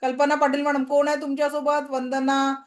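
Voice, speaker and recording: A woman teaching an online reiki class, giving calm, repetitive guided-healing commands over a video call. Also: high voice, a little fast.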